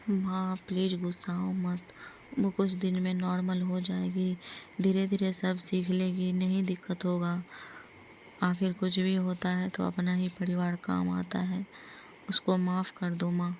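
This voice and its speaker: A woman's voice: fairly low pitch, monotone, a little slow, vocal fry, a little mellow, a little hiss or hum. Woman voicing a stern cartoon son. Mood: soothing. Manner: blunt and scolding. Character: stern grown son who scolds his wife. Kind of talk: cartoon comedy voice acting.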